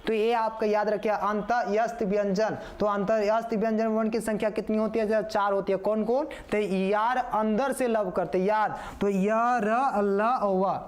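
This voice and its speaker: A man's voice: high voice, little pitch movement, a little slow, few pauses. A man teaching a live online grammar lesson. He repeats answers over and over, calls the viewers "yaar" and reads out their comment answers.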